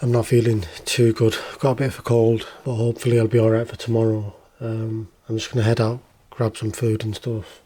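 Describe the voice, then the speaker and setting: Low-key British man, flat and mellow. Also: brisk, hardly any pauses, slightly rough. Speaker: vlogger. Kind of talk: casual vlog talk to camera.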